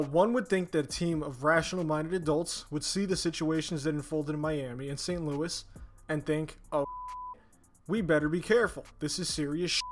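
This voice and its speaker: Higher-voiced man, sore after wisdom teeth removal. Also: fairly bright tone. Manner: blunt, slangy, swearing. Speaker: YouTube sports commentator. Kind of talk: casual opinion commentary.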